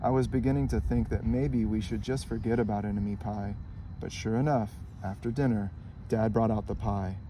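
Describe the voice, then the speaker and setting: A man reading a children's picture book aloud in a calm, even storytelling manner. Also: lowish voice, moderate pace, a little hiss or hum, rough recording. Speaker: storybook reader.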